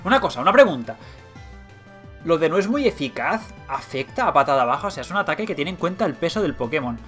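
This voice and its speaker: A young man with a Spain Spanish accent talks through a video game while he plays, thinking aloud and cursing when things go wrong. His voice sits a little high and sounds bright and sharp, with faint game music under it. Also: quick pace. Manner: excitable, swearing, thinking aloud. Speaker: let's play gamer. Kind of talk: live game commentary.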